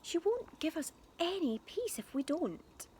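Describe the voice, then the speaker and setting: A woman's voice: very high-pitched, big pitch swings, unhurried, dark tone, slight background noise, voice pushed up, full character voice. A woman voicing an earnest young boy in a children's storybook, in a concerned, questioning way. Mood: worried.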